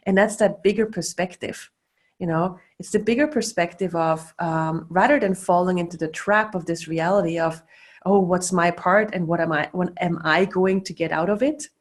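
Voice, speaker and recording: A middle-aged Austrian woman leads a session over a video call, speaking in a fairly low voice at a moderate pace. Her casual teaching talk is loose and full of fillers and restarts.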